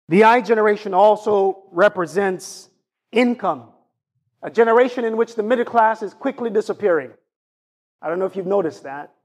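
A man with a Jamaican accent preaching a sermon to his congregation, asking them rhetorical questions as a pastor. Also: high voice.

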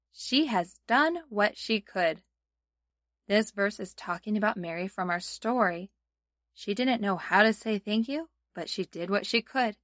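A dry, slightly dull recording of a woman with a middle-pitched voice. She talks like a Sunday school teacher, telling a children's Bible story and leading young listeners in short, simple phrases. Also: fairly bright tone, no room sound. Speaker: children's Bible lesson host.

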